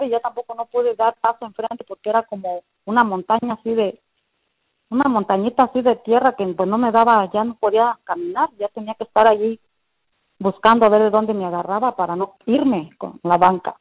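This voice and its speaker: In a dull, lo-fi recording, a middle-aged woman gives her religious testimony as a guest. Her voice sits on the high side. She tells her story with earnest repetition of phrases and lots of fillers.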